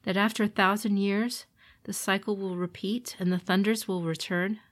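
A woman voicing an earnest young noblewoman warrior who speaks softly in a storybook reading. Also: medium pitch, fairly even intonation, moderate pace, lightly acted.

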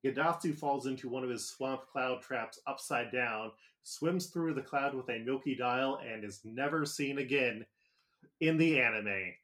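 A man's voice: mid-range voice, unhurried, fairly bright tone. Guy on a podcast recapping episodes, jokey, lots of uhs. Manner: enthusiastic, joking, frequent filler words. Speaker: podcast co-host.

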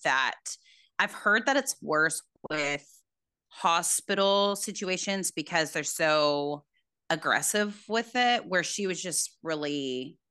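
Low-voiced chatty woman with a bright tone. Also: no room sound, clean studio sound. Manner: chatty storytelling, lots of "like". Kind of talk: casual chat.

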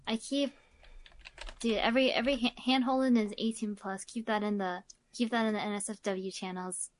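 A woman co-hosting a casual chat, teasing and joking in a deadpan way. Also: mid-range voice, normal speed. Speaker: co-host.

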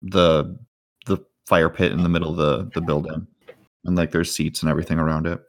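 A man narrating as game master of a tabletop game, in a very low voice. He rambles loosely, padding his descriptions with fillers. The tone stays relaxed and conversational. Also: fairly quick, no echo, clean studio sound.

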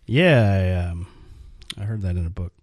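A man guesting on a podcast in a small studio, talking in a deadpan, self-deprecating way. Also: sits low, moderate pace, no room sound. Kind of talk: casual podcast chat.

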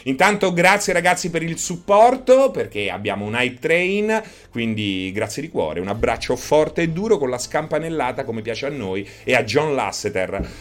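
Animated Italian streamer man. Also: moderate pace, few pauses. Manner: animated, jokey, breaks into high squeaky fox imitations. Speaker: streamer host. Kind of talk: casual live-stream chat reading viewer messages.

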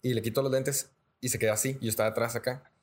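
Young Mexican guy, podcast host, fast and slangy storyteller. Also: medium pitch, fairly even intonation. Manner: rapid slangy storytelling with frequent filler "güey". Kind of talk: casual storytelling chat.

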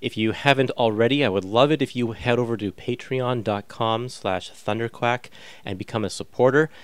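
A man's voice: mid-range voice, moderate pace, clean tone, no room sound. A man in his thirties hosting a podcast in a casual, chatty style, enthusiastic and informal. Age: 30s. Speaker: podcast host.

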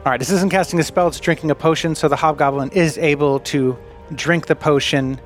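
Quick, playful male game master. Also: fairly high pitch, steady tone, faint music behind. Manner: quick, laughing, playful narration. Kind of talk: narrating a tabletop game.

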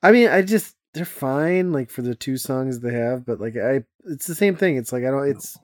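A young man co-hosting a casual chat, blunt and quick to swear, laughing often. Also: mid-range voice, lively intonation, no echo, clean studio sound.

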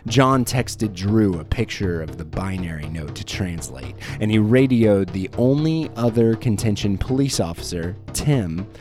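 Low-voiced man narrating a campaign recap. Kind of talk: scripted narration. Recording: background music.

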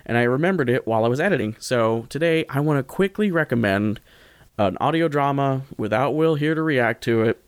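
A man hosts a casual solo podcast, rambling, correcting himself, and joking informally as he recommends things. His voice is clear and resonant at a medium pitch, with no room sound.

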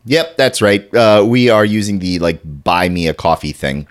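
A podcast host with a stuffy chest cold chats casually, rambling, restarting sentences and clearing his throat often. His pitch is fairly low, his intonation lively, and his pace moderate.

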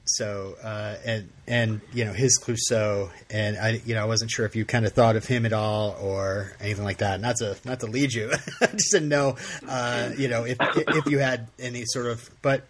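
A man hosting a casual interview, asking questions haltingly with many restarts. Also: on the low side, steady tone. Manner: hesitant, many restarts and fillers, friendly. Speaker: podcast host.

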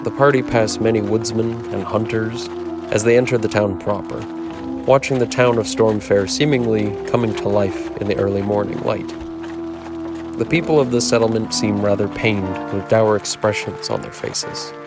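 A man narrating a fantasy adventure in a measured, descriptive storytelling manner. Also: on the low side, steady tone. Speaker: narrator and game master. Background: music.

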